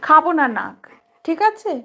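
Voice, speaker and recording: Bright high-voiced woman coaxing her dog. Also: big pitch swings, normal speed, gravelly, slight background noise. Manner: coaxing, repeating short commands. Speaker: dog owner. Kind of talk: playful talk to a pet dog.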